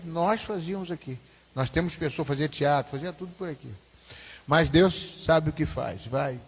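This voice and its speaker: A male pastor teaches a Sunday school class in a loose, chatty way, repeating his points and checking in with listeners. His voice sits a little high and sounds husky. The long reverb of a church hall trails behind his words. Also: a little mellow. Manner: informal, repetitive, asks the class questions.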